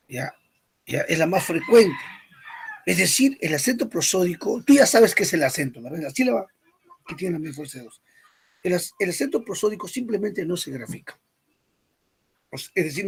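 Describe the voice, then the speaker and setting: A male teacher giving a grammar lesson, repeating key points and checking understanding with quick questions. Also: a little high, gravelly, husky. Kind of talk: spoken language lesson.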